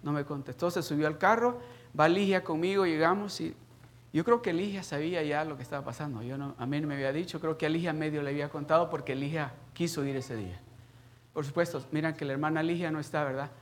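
A middle-aged man preaching a sermon, telling a personal story in a conversational way that swells into loud, emphatic passages. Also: fairly high pitch, fast, a little hiss or hum. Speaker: pastor.

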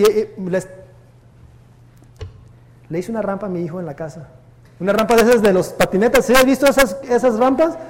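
High-voiced preacher in an echoing hall. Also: male voice. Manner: lively storytelling preacher, switching between Spanish and English. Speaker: pastor. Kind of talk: bilingual Sunday sermon with anecdotes. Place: church sanctuary.

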